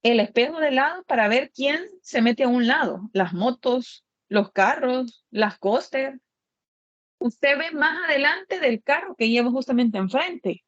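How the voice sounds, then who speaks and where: A woman's voice: sits high, expressive, a little slow, no echo, muffled recording. A woman architect lecturing her students in a plain-spoken way, repeating each point with everyday examples.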